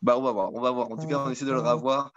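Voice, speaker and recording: A man's voice: mid-range voice, level tone, rapid-fire, fairly bright tone, no room sound, muffled recording. A man hosting a casual live web show from home, chatty and repeating himself, full of fillers. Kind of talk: casual live-stream chat.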